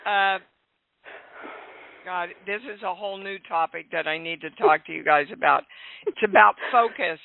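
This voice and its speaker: A woman's voice: fairly low pitch, creaky, no room sound. An older woman hosting a call-in radio show, giving spiritual guidance in an emphatic, affectionate way. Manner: emphatic, affectionate, slow and deliberate. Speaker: host and healer. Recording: tinny phone-line sound.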